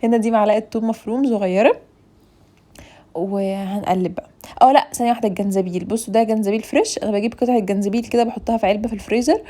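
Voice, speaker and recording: Rapid-fire chatty Egyptian woman. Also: a little high, fairly even intonation, mellow. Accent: Egyptian Arabic. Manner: talkative, playful, teasing, addresses viewers directly. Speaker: cooking and home vlogger. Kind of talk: chatty cooking tutorial.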